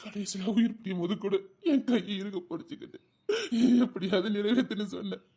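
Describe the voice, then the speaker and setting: A man's voice: high voice, steady tone, brisk, dark tone. An actor with a Tirunelveli accent playing a grieving retired soldier who cries and pleads for forgiveness from his dead friend. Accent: Tirunelveli Tamil. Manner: sobbing, pleading apologies. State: crying. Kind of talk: web series drama acting.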